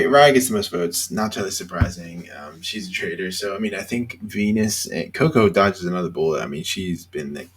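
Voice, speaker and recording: A tired man hosting a casual solo reaction show, rambling with lots of fillers and pauses between thoughts. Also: sits low, fairly bright tone, slightly rough. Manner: rambling, hesitant, many fillers. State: tired, yawning. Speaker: reality TV reaction host.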